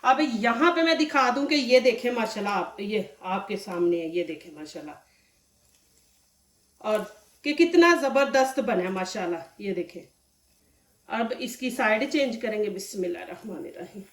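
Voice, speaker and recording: A woman's voice: fairly high pitch, animated, moderate pace. A woman with a sore, dry throat giving a chatty step-by-step cooking demonstration in her home kitchen, walking viewers through each stage. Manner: chatty and instructive, often says "see this". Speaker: cooking channel host. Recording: echoey room, mic at a distance.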